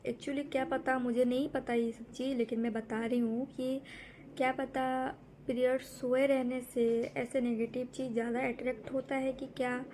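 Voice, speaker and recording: A woman's voice: sits high, little pitch movement, moderate pace, a little mellow, a little hiss or hum. A young woman telling a frightening true story in a casual, rambling way, often repeating herself and restarting sentences.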